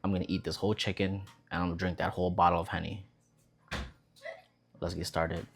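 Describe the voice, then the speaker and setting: A deep-voiced young man rambles easily through stories while eating at home. His talk is casual and unhurried, like a laid-back vlog. Faint noise and the clink of dishes sit behind him. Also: level tone, creaky. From Vietnam. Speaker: vlogger.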